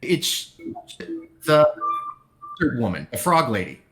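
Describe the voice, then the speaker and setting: A man with a bright, forceful voice chatting casually on a live stream. He gushes and rambles like an excited fan, circling back to his points. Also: mid-range voice, slow pace. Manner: enthusiastic, rambling fan talk. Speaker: podcast co-host. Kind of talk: casual chat.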